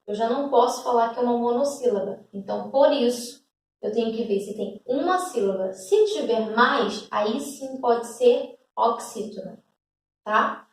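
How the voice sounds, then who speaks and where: A woman's voice: fairly high pitch, normal speed. A woman teacher with a Brazilian accent, giving a grammar lesson patiently and often checking that students follow. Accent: Brazilian Portuguese. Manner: patient, repeats examples, checks understanding with "tá?". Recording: echoey room, voice from a distance.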